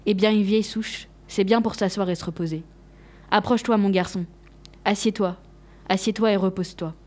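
A woman voicing a gentle, loving apple tree in a storybook reading. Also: medium pitch, fairly even intonation, normal speed, close to an everyday voice. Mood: warm.

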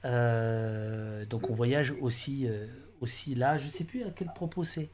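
A man's voice: medium pitch, slow pace, a crowd in the background. A man hosting an interview, hesitant and full of restarts as he asks his guests about their book. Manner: hesitant, many restarts and fillers. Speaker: host. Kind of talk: casual interview chat.

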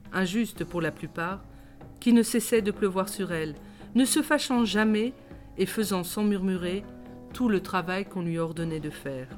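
Woman storyteller, mid pitch, even and expressive, faint music behind. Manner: measured, expressive reading. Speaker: reader. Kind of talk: storybook narration.

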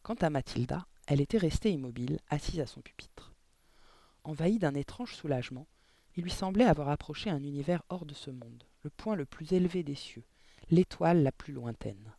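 A man reading a children's novel aloud in a measured way, adding short explanatory asides. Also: fairly high pitch, lively intonation, gravelly, dark tone, dry recording. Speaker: audiobook narrator.

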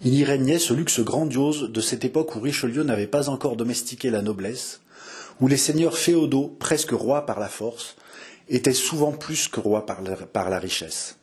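Man narrating an audiobook at mid pitch. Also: breathy edge. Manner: measured, expressive storytelling.

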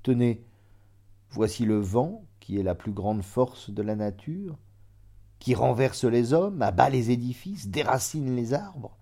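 A man's voice: lowish voice, animated, slow pace, warm tone. A man voicing an earnest arguing monk. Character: male monk, calm reasoning sage.

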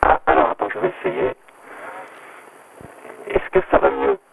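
A man's voice: sits high, huge pitch swings, a little slow, creaky, husky. A man calling in live to a radio show, his voice turned robotic and garbled by a bad phone line, talking with hesitant fillers. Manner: explanatory, hesitant, many fillers. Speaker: phone-in guest. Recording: distorted phone line from far off.

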